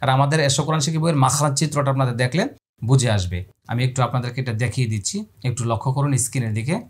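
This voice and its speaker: In a fast, mid-range voice, a man teaches Quran pronunciation step by step. He explains calmly, then draws out each letter sound in long calls, asking his own questions and answering them for the viewer.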